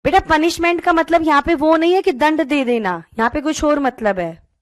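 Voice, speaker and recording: A woman teacher giving an online class, explaining slowly and reading questions out word by word. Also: high voice, dry recording, clean studio sound. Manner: calls students "beta", mixes English into talk.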